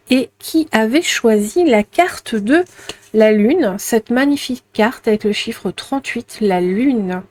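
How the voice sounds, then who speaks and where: A woman giving an intuitive tarot reading to her viewers, gentle and chatty, with many fillers and repeated words. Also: on the high side. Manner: speaks to unseen spirit guides while drawing. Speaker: tarot card reader.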